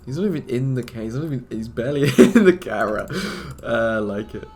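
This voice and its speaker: A man's voice: mid-range voice, expressive, quick pace, a little mellow. A man animating at his computer, talking to himself in a rambling, fretful way with many restarts. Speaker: animator and video creator. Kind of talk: casual self-talk while working.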